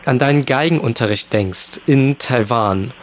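A man's voice: medium pitch, normal speed. Conversational male radio interviewer. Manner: friendly, conversational questioning.

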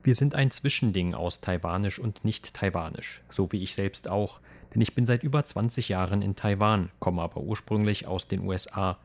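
A man reading a translated voice-over in a steady, matter-of-fact way. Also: deep voice, moderate pace, hardly any pauses.

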